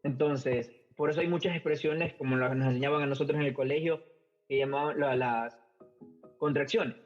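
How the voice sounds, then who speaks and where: A man's voice: mid-range voice, steady tone, fairly quick. A middle-aged man from Ecuador with an Ecuadorian Spanish accent, talking casually as a podcast guest, hesitant, with many fillers and repeated words. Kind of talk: casual conversational storytelling. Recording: muffled lo-fi podcast audio, faint music.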